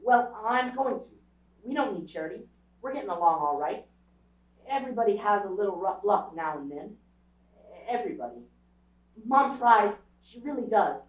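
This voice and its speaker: Here the performer's natural, medium-pitched voice carries lively intonation at a moderate pace while portraying a proud, defiant young boy, bluntly insistent, in a radio drama staged in a small theatre. An audience camera picked it up from far away, leaving it dull and echoey.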